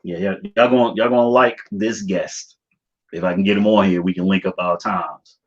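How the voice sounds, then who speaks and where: A man's voice: low-pitched, fairly even intonation, moderate pace, slightly rough. An American man chatting casually and informally in slang as the host of a livestream. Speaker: livestream host of a YouTube channel. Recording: dull, lo-fi stream audio.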